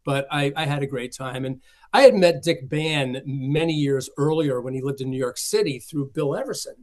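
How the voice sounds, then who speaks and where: A man's voice: mid-range voice, moderate pace, a little mellow. An older man, a film collector, chatting as an interview guest and telling rambling anecdotes full of acted-out quotes. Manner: rambling storyteller who acts out quoted dialogue.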